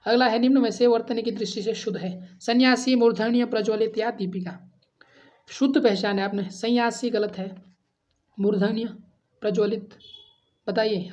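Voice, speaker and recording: Speaking at a medium pitch with a warm tone, a female exam-prep teacher runs through Hindi grammar questions. Treating the students as friends, she asks and answers quiz items, drilling each answer by going over the option letters again and again.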